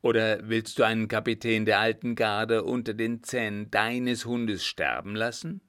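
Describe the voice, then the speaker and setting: A man's voice: fairly low pitch, steady tone, measured pace, fairly bright tone. A man doing a blustering hot-tempered soldier. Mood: angry. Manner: blustering, barking orders.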